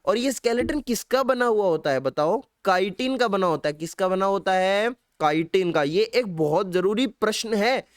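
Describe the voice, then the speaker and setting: A man's voice: high-pitched, animated, normal speed, few pauses, clear, resonant tone, dry recording, studio quality. A young man with a Hindi accent teaching biology in an online exam-prep lecture, repeating key facts and firing questions back at his students. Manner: drops in playful sung lines.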